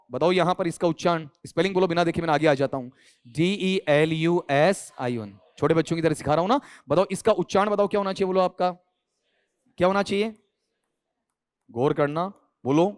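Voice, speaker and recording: Man, teacher from India, high voice, quizzing students with question after question, spelling words letter by letter. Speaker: English teacher. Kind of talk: exam answer-key class.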